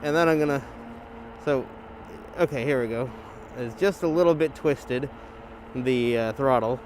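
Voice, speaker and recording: With a mid-range voice and a measured pace, a man vlogs casually and somewhat hesitantly from his electric bike on an outdoor trail. He talks through a balaclava that slightly muffles him, recorded via gimbal camera or lapel mic with windscreen against wind, motor and traffic noise.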